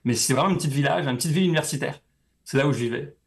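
Fast-talking Frenchman in a relaxed interview. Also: fairly high pitch, vocal fry. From France. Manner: relaxed, rambling, frequent fillers. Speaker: guest. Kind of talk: casual interview conversation.

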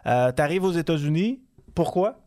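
A man's voice: on the high side, animated, normal speed, darkish tone. A man with a Québécois French accent hosting a casual interview, chatty, familiar and joking. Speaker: host.

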